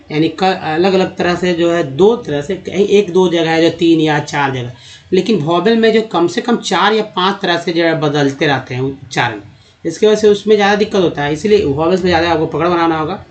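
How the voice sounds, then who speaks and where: Man teaching English spelling. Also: sits high. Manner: addresses viewers as friends, spells words letter by letter, halting with fillers. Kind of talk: explanatory lesson.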